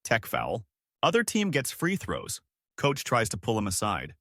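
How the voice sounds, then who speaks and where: A man narrating scripted stories in a lively storytelling manner, recorded close to the mic. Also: a little slow, no room sound. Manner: lively storytelling with big pitch swings.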